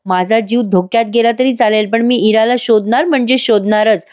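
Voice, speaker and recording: A woman's voice: a little high, fairly even intonation, moderate pace, darkish tone, natural voice. A woman reading the lines of an earnest, determined girl in a recap of a TV serial, speaking in her own everyday voice. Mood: pleading. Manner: pleading, earnest.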